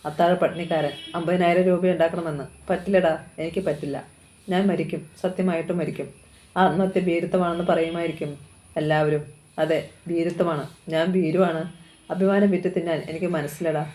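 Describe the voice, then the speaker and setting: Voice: mid-range voice, steady tone, a little fast, darkish tone, close to an everyday voice. A narrator voicing a desperate, proud young man from a poor family in a storybook thriller reading. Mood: bitter. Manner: pleading, emotional.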